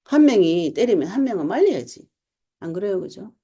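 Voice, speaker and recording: A woman pastor, preaching a sermon in a lively storytelling way and acting out the quotes. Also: mid-range voice, fairly quick, slightly rough. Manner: animated storytelling preacher, acts out quotes, laughs often. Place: online church service.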